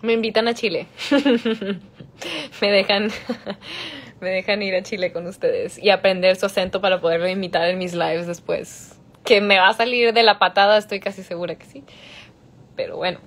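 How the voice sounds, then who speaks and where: A young woman hosts a casual Q&A on a phone livestream, reading fans' questions aloud and answering in a chatty mix of Spanish and English, laughing frequently. She speaks at medium pitch and a normal pace.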